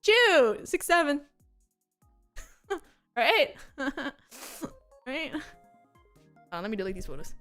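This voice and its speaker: A young woman with a notably high voice, chatting on stream in a loose, rambling way and giggling often. Soft music plays faintly behind her. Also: big pitch swings, drawn-out words, long pauses. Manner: rambling and giggly, with frequent laughs and filler words. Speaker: VTuber streamer. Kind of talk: casual chat stream, storytelling.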